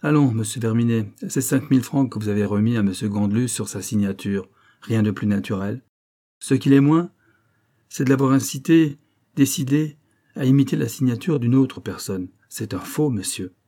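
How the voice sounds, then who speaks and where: Un homme lisant un livre audio prête sa voix à un jeune peintre ferme, au ton mesuré et formel. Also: male voice, mid-range voice, dark tone, close to an everyday voice. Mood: firm. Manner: measured, formal, pressing. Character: young painter, firm, controlled, growing angry.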